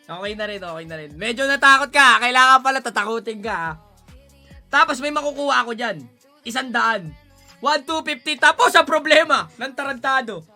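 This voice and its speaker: Male gaming streamer, high-pitched, piercingly bright, excitable, pleads and yells at the game. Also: a little fast, faint music behind. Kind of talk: casual gaming commentary.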